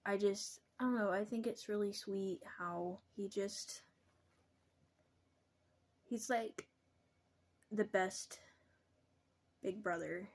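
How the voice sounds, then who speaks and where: Slow, halting young woman vlogger. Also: medium pitch, steady tone. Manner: halting, pausing often mid-sentence. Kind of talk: casual personal vlog.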